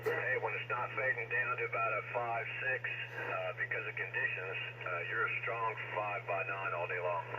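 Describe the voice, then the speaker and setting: A man's voice: on the low side, steady tone, normal speed, hardly any pauses. A man chatting casually as an operator on the far end of a fading shortwave radio link, easygoing and friendly. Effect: fading shortwave radio reception. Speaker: distant radio operator answering a call. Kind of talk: casual on-air radio chat. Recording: noisy, muffled distant radio signal.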